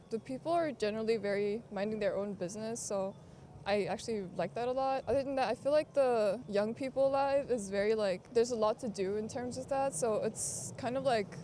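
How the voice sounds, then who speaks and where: A woman's voice: mid-range voice, mellow, slight background noise. A woman from Mongolia answering a street interview in a chatty way, with many "like"s. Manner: chatty, fills with "like".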